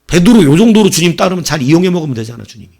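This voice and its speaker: A male pastor preaching a sermon, telling the story with animated bursts as he acts out quoted lines. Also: a little high, rapid-fire.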